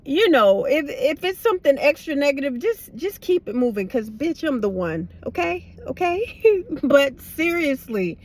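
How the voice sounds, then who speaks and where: A high-pitched, slightly mellow voice belongs to a middle-aged woman vlogging from a parked car. Tired, she rambles to her viewers in a candid, blunt, slangy chat, with a slight lisp caused by retainers. Her pace is moderate and her pitch swings widely.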